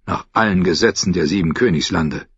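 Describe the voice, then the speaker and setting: A hoarse, weary old sea captain, grave and stubborn in his loyalty, as a man reads him. His voice is low and husky. The audiobook sound is dull and dry. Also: fairly quick, a bit bright, no echo, full character voice. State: hoarse after coughing.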